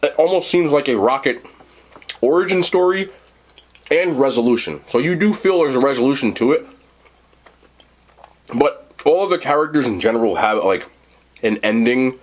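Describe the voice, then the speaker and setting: Male food and movie reviewer. Off-the-cuff, rambling, blunt and slangy, with a highly varied pitch. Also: expressive, moderate pace, pauses often. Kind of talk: casual unscripted review chat.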